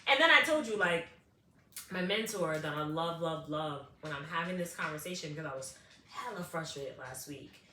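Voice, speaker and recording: A woman co-hosting a casual podcast chat, animated and emphatic, often laughing and repeating herself for effect. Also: low-pitched, normal speed, reverberant, far from the mic. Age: adult with a child. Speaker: podcast co-host.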